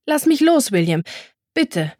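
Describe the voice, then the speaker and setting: A woman voicing a frightened young woman who pleads, high and strained, to be let go, in an audiobook reading. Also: very animated, measured pace, darkish tone, no room sound, clean studio sound, heavily acted. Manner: high, pleading, rising to screams. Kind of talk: audiobook character voice.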